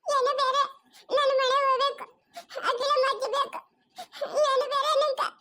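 A woman's voice: flat delivery, moderate pace, pushed and bright. A woman voicing a frightened little lost girl who cries and pleads in an amateur family skit. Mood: crying, pleading. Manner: crying, pleading, shrill.

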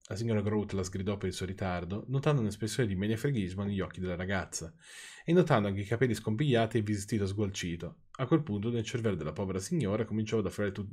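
A man's voice: lowish voice, fast talker, darkish tone, slightly rough. A man with an Italian accent reading viewers' stories aloud, breaking off for dry, sarcastic asides. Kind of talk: reading aloud with off-the-cuff commentary.

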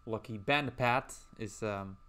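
A man's voice: fairly low pitch, slow pace, bright, forceful tone, clean tone. A man streaming casually as he draws, rambling and chatting while reading out viewer messages. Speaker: livestreamer.

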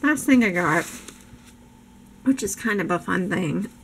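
Filmed from above her craft table at home, this older crafting vlogger does a casual haul show-and-tell in a mid-range voice with lively intonation, speaking a little slowly. Though she's losing her voice, she stays chatty and enthusiastic with frequent laughter. The home recording has a lot of noise.

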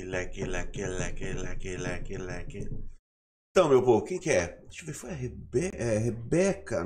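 A man's voice: on the low side, darkish tone. A young Brazilian man teaching a casual live online class, playful and chatty, greeting viewers by name, sounding sleepy. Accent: Brazilian Portuguese.

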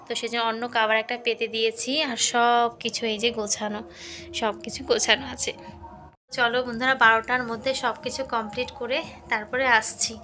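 A woman's voice: a little high, bright, forceful tone, a little hiss or hum. A woman vlogging casually on a handheld phone, chatting straight to her viewers as friends. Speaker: lifestyle vlogger. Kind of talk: casual vlog narration. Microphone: handheld phone camera.

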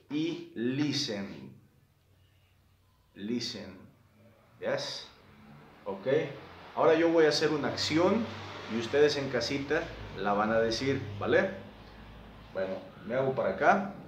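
A man gives an English lesson to children, drilling each word again and again at a very slow pace. His voice sits at a middle pitch. He sounds set back from the mic in a roomy, echoing space. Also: expressive, distant mic, a little hiss or hum. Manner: slow, repetitive drilling of words. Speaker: English teacher.

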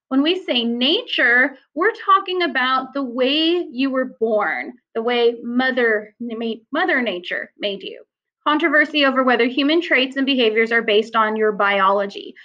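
High-voiced woman teaching a lecture. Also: a little slow, sharp tone. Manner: explanatory, conversational with fillers. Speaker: psychology teacher. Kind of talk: recorded lecture. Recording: slightly dull lo-fi sound.

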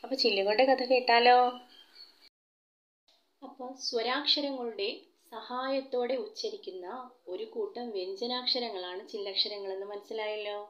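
A woman's voice: a little high, steady tone, moderate pace, pauses often, muffled recording. A woman teacher with a Malayali accent giving a children's alphabet lesson, coaxing her young pupils with questions. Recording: echoey room.

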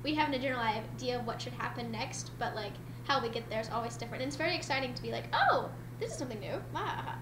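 A woman's voice: on the high side, very fast, few pauses, background noise. A young woman, an actress, chatting in an interview with stumbling restarts. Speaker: actress interviewed about a play. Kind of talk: interview answer. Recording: echoey room with clear ambience.

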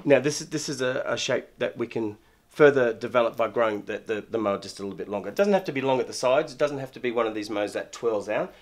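A man's voice: medium pitch, quick pace, hardly any pauses. Middle-aged male barber, mid-range voice, hands-on instructional patter with lots of self-corrections, recorded on a lapel mic in a shop. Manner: explains while working, frequent restarts and repeated words. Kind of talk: step-by-step grooming demonstration.

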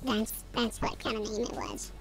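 A squeaky chipmunk voice, pitched way up and swooping wildly. Gravelly crackles of fry rasp through the high squeak. It rambles along teasingly, stumbling into restarts. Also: male voice, huge pitch swings, normal speed, a bit bright, faint music behind, heavily acted. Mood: mocking. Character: squeaky chipmunk-voiced mocking character, male. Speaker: gaming streamer.

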